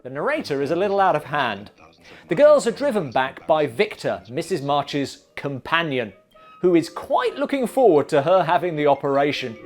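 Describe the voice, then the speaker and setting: A man's voice: on the high side, very animated, normal speed, soft background music. Dry, sarcastic male film reviewer.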